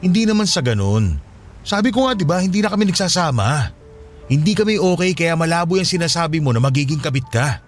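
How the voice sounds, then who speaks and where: A man's voice: a little high, expressive, fairly quick, soft background music. A man acting in a radio drama as a young man who pleads and keeps asking questions, then apologizes. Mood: apologetic.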